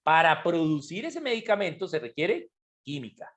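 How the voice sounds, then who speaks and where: A man's voice: on the high side, very animated, normal speed, crowd noise. A man teaching an online chemistry class, explaining step by step and often asking if students follow. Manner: explanatory, asks frequent checking questions. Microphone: computer mic on a video call.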